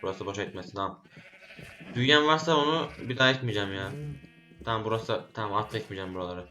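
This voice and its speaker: A man's voice: on the low side, fast, bright, forceful tone. A man giving casual gameplay commentary, talking to himself and scolding the animals and the game as he plays. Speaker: gaming YouTuber.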